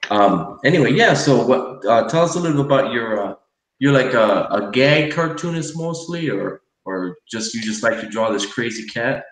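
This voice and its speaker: A man's voice: medium pitch, animated, moderate pace, a bit bright. A man hosting a casual livestream while he draws, rambling with many fillers and restarts. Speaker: livestream host. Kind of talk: casual chat while drawing. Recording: roomy, distant from mic.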